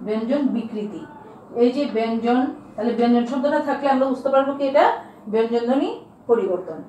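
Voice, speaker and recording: A woman teaching a grammar lesson to students, who asks questions and answers them herself while repeating key terms slowly. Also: fairly high pitch, mellow, very echoey, far from the mic, a little hiss or hum, poor audio. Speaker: school teacher.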